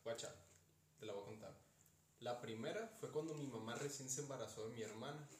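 Young Mexican man, podcast co-host, relaxed slangy storyteller; distant from the mic, roomy, faint hiss. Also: medium pitch, fairly quick. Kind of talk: casual storytelling chat.

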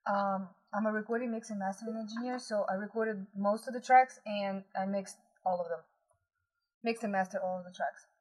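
A woman's voice: mid-range voice, steady tone, a little fast, darkish tone, low-quality recording. A woman from Russia with a Russian accent, a recording and mixing engineer, chatting casually in an interview and laughing easily.

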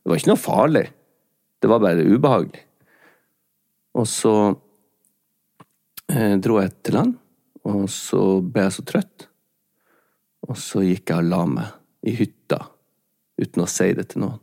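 A man from Norway with a low, gravelly voice talks through a personal story in relaxed podcast chat. He stumbles and restarts often, circling back as he goes. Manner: halting and rambling, many restarts and fillers. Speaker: podcast co-host. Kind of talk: casual confessional chat.

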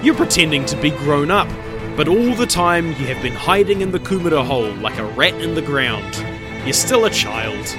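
A man's voice: fairly high pitch, lively intonation, moderate pace, music in the background, natural voice. A man voicing the mocking, taunting older brothers of a young hero in a storybook retelling. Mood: jeering. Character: jeering older brothers, scornful young men.

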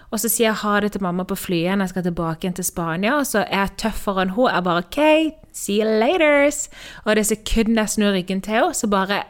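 A woman from Norway co-hosting a podcast, telling personal stories in a candid, animated way. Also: mid-range voice. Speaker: podcast co-host. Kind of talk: casual podcast conversation.

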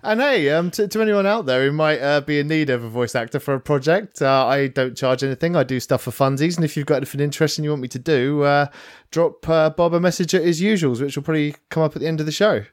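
A man's voice: on the high side, quick pace, no room sound. Self-deprecating man voice actor, dry mic. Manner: self-deprecating, stammering restarts. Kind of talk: casual podcast chat.

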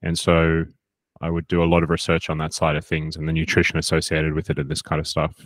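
A man's voice: rumbling low, monotone, fast talker, no room sound. A man in his thirties, born in South Africa and raised in Australia, talking casually as a fitness coach guest. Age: 30s. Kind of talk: casual interview.

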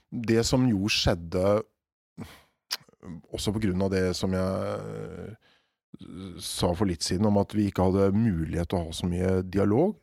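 A man speaks in a fairly low voice about directing theatre. He talks with animated bursts and frequent hesitant fillers. The recording is dry, with no room sound. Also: gravelly, no echo. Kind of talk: reflective interview talk.

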